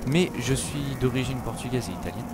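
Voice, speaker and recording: A man's voice: mid-range voice, a little fast, heavy background noise. A young man in his late teens from France, chatting hesitantly on his gaming channel with lots of fillers and restarts. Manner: hesitant, many fillers and self-corrections. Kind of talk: casual gaming vlog talk. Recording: loud gunfire from game audio. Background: zombie shooter game sounds.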